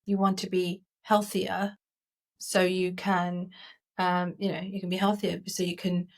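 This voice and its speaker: A woman on the low side of the pitch range talks a little slowly on the coaching podcast she co-hosts. Relaxed and conversational yet earnest in her explanations, she often begins sentences again.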